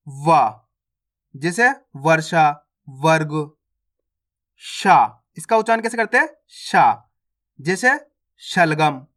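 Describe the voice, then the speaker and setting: Slow, patient Hindi alphabet teacher, male. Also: sits high, fairly bright tone. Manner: drills each syllable slowly, asking the viewer questions. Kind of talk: online alphabet lesson.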